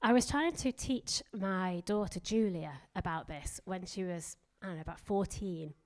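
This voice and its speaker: A woman's voice: lowish voice, normal speed. Emphatic woman preaching a sermon. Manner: energetic, emphatic, leads the congregation in declarations. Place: church hall.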